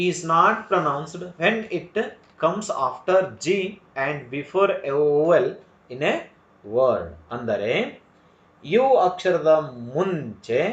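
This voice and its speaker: A man with a Kannada accent teaching English pronunciation, speaking slowly and repeating each word to drill it. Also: a little high. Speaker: English tutor. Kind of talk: slow spoken English lesson. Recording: echoey room, dull lo-fi sound.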